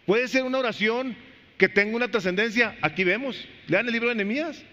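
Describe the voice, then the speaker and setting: A man preaching a sermon as pastor in a church. He questions the congregation directly and swings between soft low phrases and loud, high emphasis. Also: fairly quick. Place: church sanctuary. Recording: reverberant church hall, dull lo-fi sound.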